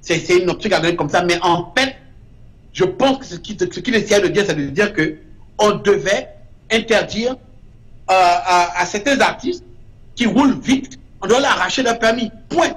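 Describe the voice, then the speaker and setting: A man's voice: high voice, moderate pace, fairly bright tone. A man, a guest artist in an interview, speaking with emphasis and repeating short verdicts. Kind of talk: impassioned interview talk.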